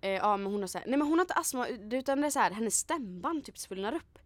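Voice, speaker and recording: A woman's voice: a little high, lively intonation, no room sound. A young woman from Sweden in casual chat, retelling a night out with acted quotes and lots of fillers. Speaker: storyteller in a chat.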